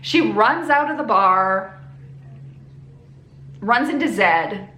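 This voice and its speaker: A woman telling a story as a book reviewer in a casual, rambling, slightly tipsy way, animated and acting out reactions with exaggerated emphasis. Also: mid-range voice, takes it slowly. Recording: roomy echo with background noise.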